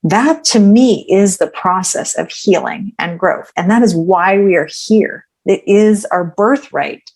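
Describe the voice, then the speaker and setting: A woman speaks as a guest coach in a conversational podcast interview, her voice sitting in a middle pitch. She explains with earnest patience and keeps checking in with "right?". She voices her own inner thoughts aloud as she goes. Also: a little slow, few pauses, darkish tone.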